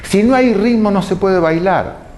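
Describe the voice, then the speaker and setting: A man giving a lecture, explaining slowly and deliberately and posing rhetorical questions to his listeners. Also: high voice, darkish tone, a little hiss or hum. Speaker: tango lecturer.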